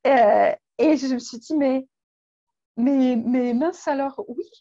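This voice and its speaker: A woman's voice: high-pitched, slow, warm tone, no echo, dull audio. A woman from Poland with a Polish accent, speaking French as a guest in a casual interview, hesitant and full of fillers and restarts. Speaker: guest coach.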